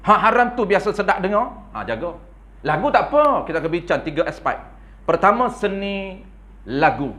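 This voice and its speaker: A man with a Malaysian Malay accent teaches a congregation in a prayer hall. His voice sits somewhat high for a man, and he speaks in an animated, playful way. He keeps checking in with his listeners with a quick "ha?" and acts out little everyday scenes. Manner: animated, punctuates points with a questioning "ha?". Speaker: religious teacher. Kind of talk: religious lecture to a congregation.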